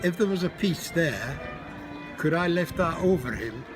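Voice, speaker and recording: An older man with a Scottish accent chatting casually, often pausing and searching for his words. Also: on the high side, lively intonation. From Scotland. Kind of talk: casual chat. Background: loud music and crowd.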